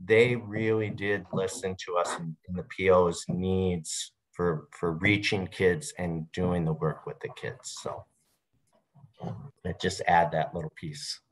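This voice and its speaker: A man in his fifties talking on a video call panel in a very deep voice. He is chatty and animated, and he keeps checking in with "right?" as he tells his point. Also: slow pace, rough recording. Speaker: probation officer. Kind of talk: virtual panel discussion.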